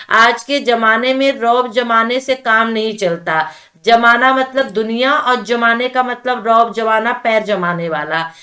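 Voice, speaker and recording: Woman teacher going through exam prep, kinda high voice, checks in a lot as she explains. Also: a bit bright. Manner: explanatory, repeats points with "ठीक है".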